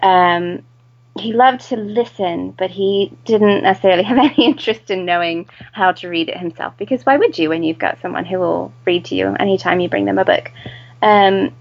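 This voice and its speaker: American woman chatting in an interview, lots of creaky fry, slightly dull audio. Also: mid-range voice, normal speed. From United States. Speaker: interview guest, home-educating mother. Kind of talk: casual conversational interview.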